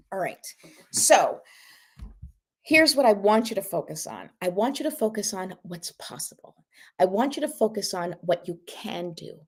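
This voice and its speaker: A woman's voice: medium pitch, darkish tone. A woman hosting a casual motivational talk, encouraging listeners and often asking "right?" to check in with them. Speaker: motivational host.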